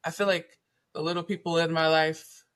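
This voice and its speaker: A woman from Baltimore with a Baltimore accent, a podcast guest chatting casually over a video call, animated and often laughing. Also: deep voice. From Baltimore, USA. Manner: animated and laughing, talks faster as she goes. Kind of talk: casual chat.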